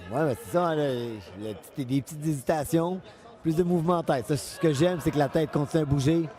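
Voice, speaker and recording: A man with a Quebec French accent gives live, unscripted boxing commentary, analytical and often repeating himself. His voice is fairly high, a little fast, and warm.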